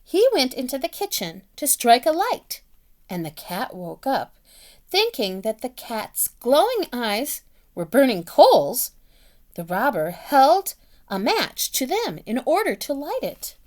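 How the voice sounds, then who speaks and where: Slow, lively woman reading a storybook. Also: on the high side. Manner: slow, animated storytelling with voiced animal sounds. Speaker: teacher reading aloud. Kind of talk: storybook read-aloud.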